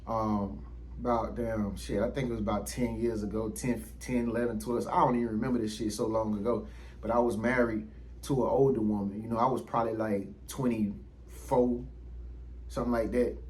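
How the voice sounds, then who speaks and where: A man in his thirties speaks in a fairly low voice, addressing his viewers directly from a room lit by ring lights. His talk is casual and meandering, packed with slang, cursing and fillers as he drifts from point to point. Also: little pitch movement, moderate pace, a little mellow, slight background noise, rough recording. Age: 30s. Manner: slangy, profane and rambling, with frequent fillers. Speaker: YouTube channel host. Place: indoors under ring lights.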